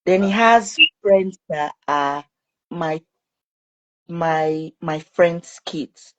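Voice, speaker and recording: A woman, a mother being interviewed, telling her story in a lively way and acting out her son's cries. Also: very slow, poor audio. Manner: animated, acts out her son's screams in a high voice.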